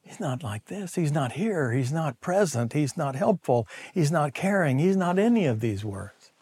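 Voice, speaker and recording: A middle-aged man preaching a conversational sermon, acting out quoted voices and dropping to soft near-whispers. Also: on the high side, big pitch swings, normal speed, breathy edge, no room sound. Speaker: pastor.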